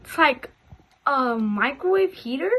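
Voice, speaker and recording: In a casual toy unboxing vlog, a woman chats informally with her viewers, repeatedly calling them "guys." Her high-pitched voice is expressive and a bit bright, and she speaks a little slowly.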